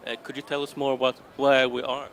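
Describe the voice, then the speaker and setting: A man's voice: medium pitch, little pitch movement, fairly quick, gravelly, fairly bright tone. A man from Sweden asking polite, brief interview questions.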